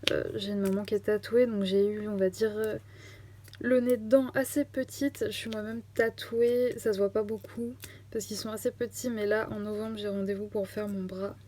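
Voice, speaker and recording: A woman's voice: medium pitch, fairly even intonation, moderate pace, dark tone. A young woman vlogger answering viewer questions in a casual chat, hesitant and chatty with lots of fillers. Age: young adult.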